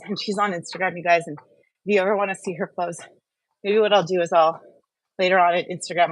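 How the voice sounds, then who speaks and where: A wellness channel host walks on a treadmill at home, warming up as she livestreams casually and speaks frankly to viewers through earbuds. Her voice sits in the mid range. The recording is dry and rough.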